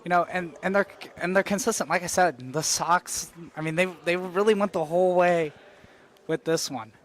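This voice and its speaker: A man's voice: high-pitched, moderate pace, fairly bright tone. A man calling live play-by-play for an amateur hockey game, matter-of-fact as he follows the action. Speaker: play-by-play commentator.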